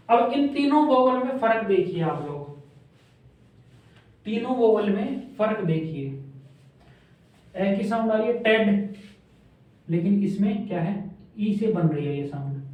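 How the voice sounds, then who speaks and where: A man's voice: high voice, darkish tone. A man teaching a shorthand class who drills sounds aloud and answers his own questions. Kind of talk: classroom lesson. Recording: echoey room, distant mic, dull sound.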